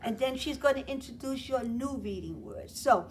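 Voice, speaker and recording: A woman teacher giving a remote lesson to young children, explaining slowly and clearly. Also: high voice, lively intonation, slight background noise. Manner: sings a slow chant and invites children to join.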